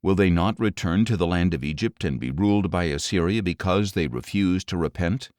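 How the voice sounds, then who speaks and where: A man narrating an audio Bible in a measured, solemn scripted reading, his lines falling at the ends. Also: deep voice, a little mellow, no echo, clean studio sound. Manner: measured, solemn delivery with falling line endings.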